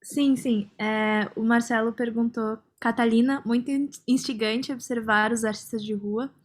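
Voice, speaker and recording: A woman asking questions on an online academic panel, measured and reading out a colleague's question. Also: fairly high pitch, fairly even intonation. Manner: measured, reads a question aloud.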